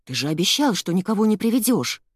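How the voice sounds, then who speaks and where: A woman reading an audiobook, voicing an impatient young boy who speaks in a pleading, excited way. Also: lowish voice, normal speed, no echo, studio quality. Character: lost boy stuck young, eager and impatient.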